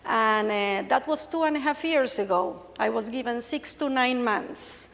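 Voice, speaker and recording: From the stage of a large hall, a woman in her forties speaks as a patient at a conference, candid and full of jokes, with the Argentine accent of a native Spanish speaker from Argentina. Her voice is on the high side, unhurried, gravelly, and fairly bright, with long reverb around it.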